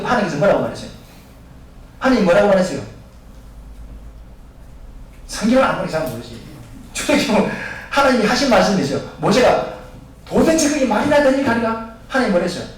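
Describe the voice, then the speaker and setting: A male pastor preaching a sermon in church, firing questions at the congregation and acting out the voices of people in Bible stories. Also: high-pitched. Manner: asks the congregation questions and answers them himself. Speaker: senior pastor. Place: church sanctuary. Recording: echoey church from a distance.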